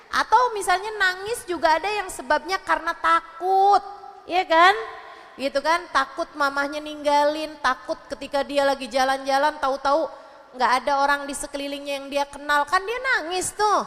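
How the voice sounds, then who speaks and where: A woman's voice: high voice, a bit bright, long reverb tail. A woman preacher gives a chatty, humorous sermon to a women's study gathering, acting out mothers and children. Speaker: Islamic preacher. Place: religious study gathering in a hall.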